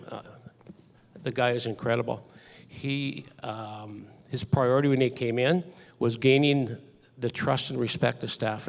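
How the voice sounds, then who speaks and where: A man, an elected official, speaking sincerely on a conference panel with frequent pauses and fillers. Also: mid-range voice, creaky. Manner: halting, many fillers, sincere. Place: conference hall. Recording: reverberant conference hall.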